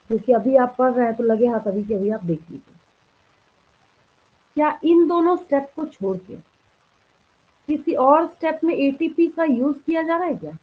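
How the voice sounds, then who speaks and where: Woman from india teaching bio to a class, kinda husky, asks then answers her own questions, tinny phone sound. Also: a little high. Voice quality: clears throat now and then. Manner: checks on students often. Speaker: biology teacher. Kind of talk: classroom lecture in a live class.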